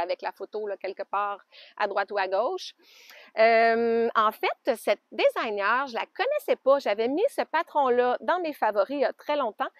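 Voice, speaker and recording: A woman with a Québécois French accent chatting casually in a knitting podcast, homey and loose, with soft laughs. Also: fairly high pitch, no echo, clean studio sound. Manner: chatty, homey, often laughs softly and adds little fillers. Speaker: knitting podcaster and alpaca farmer. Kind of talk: casual show-and-tell chat. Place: outdoors by an alpaca pen.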